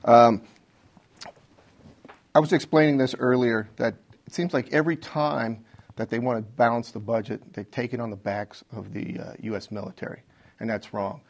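A middle-aged man speaking as a political candidate in a debate, plain-spoken and blunt, with halting phrasing. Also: medium pitch, steady tone. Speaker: congressional candidate. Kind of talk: unscripted debate statement.

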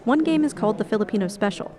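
Female news reporter, medium pitch, delivering scripted feature narration for radio. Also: expressive, very fast, crowd noise.

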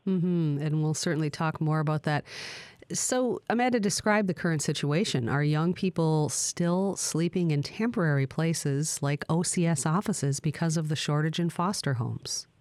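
A woman with a low-pitched voice hosts a radio talk program. She reads introductions and puts questions to guests, recorded dry with almost no room sound. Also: moderate pace, a little mellow, no echo. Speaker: radio talk show host. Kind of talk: scripted radio introduction and interviewing.

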